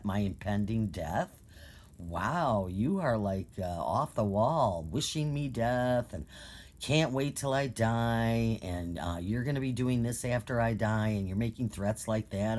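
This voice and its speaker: A live-stream ranter with an ordinary middle-pitched voice, talking casually but turning profane and mocking. The sarcasm is heavy, and the voice flares up when the anger peaks. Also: darkish tone. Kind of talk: casual angry rant.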